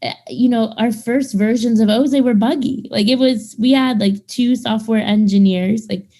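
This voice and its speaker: Her voice is fairly high but dark-toned, at normal speed. She's a startup founder in her thirties chatting casually in an interview, full of fillers and quoted asides where she acts out other people.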